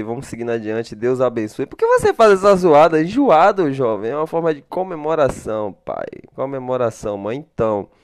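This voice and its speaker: A gaming channel host narrates a casual gameplay video, chatting with viewers, answering his own questions in a back-and-forth with himself and blessing his audience. His medium-pitched voice is a little mellow, clear and resonant. The recording is dry with clean studio sound.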